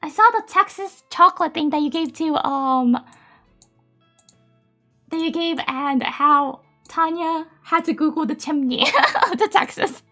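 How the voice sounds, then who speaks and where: Chatty and giggly, a high-voiced woman whose first language is Japanese streams live, her gravelly voice peppered with "um" and "like." Her tone comes across bright and forceful, and soft music plays underneath.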